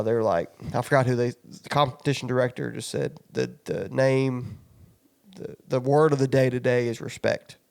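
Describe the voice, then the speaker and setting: Male podcast co-host, mid-pitched, casual and exasperated sports rant with swearing. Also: gravelly.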